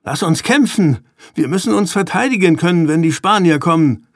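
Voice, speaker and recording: A man's voice: a little high, expressive, normal speed, dry recording, clean studio sound, pitched above the performer's own voice. A man doing a defiant, hot-headed little boy. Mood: defiant, heated. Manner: defiant, heated. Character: hot-tempered little boy, younger brother.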